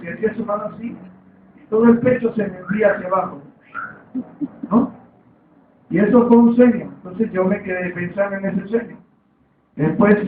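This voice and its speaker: Preacher man, distant and echoey. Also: high voice. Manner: repetitive, calls for amen. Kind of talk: sermon. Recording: echoey, distant, phone-like sound.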